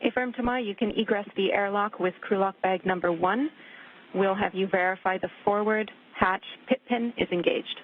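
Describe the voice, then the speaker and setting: A woman giving measured, precise procedural instructions as a mission communicator over radio. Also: medium pitch, steady tone. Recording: thin narrow-band radio link.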